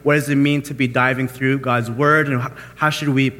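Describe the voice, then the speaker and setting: A young man preaching as pastor, telling a joke story with lively fillers and restarts before starting his sermon. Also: mid-range voice, a little fast. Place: church. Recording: long reverb of a church hall.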